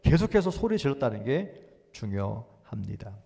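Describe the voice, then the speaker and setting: A man preaching a Sunday sermon as pastor. He moves between loud, urgent exhortation and quiet musing, acts out inner thoughts in a small voice, and drops in short English phrases. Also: medium pitch, big pitch swings, normal speed, gravelly. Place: church sanctuary. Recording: long church reverb.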